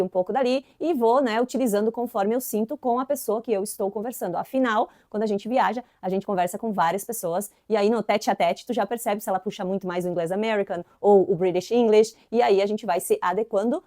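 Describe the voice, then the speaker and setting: A woman's voice: mid-range voice, mellow. A woman teacher explaining English spelling and pronunciation, repeating example words and checking in with frequent tag questions. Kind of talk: online English lesson.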